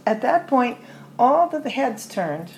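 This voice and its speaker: An older American woman, a podcast interview guest, telling long rambling stories with soft trailing asides. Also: on the high side, big pitch swings, unhurried. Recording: roomy echo with faint ambient noise.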